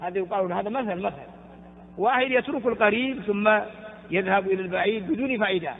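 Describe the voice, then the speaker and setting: A man teaching a lesson on Quran exegesis, explaining at length with rhetorical questions and chanting verses slowly between explanations. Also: high-pitched. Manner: frequent restarts and rhetorical questions. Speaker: Islamic scholar teaching tafsir. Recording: tinny phone-like recording with long reverb.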